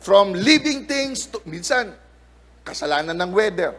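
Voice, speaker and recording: A man preaching a sermon, lively, acting out quoted lines in changed voices. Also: high-pitched, measured pace, big-room sound. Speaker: pastor.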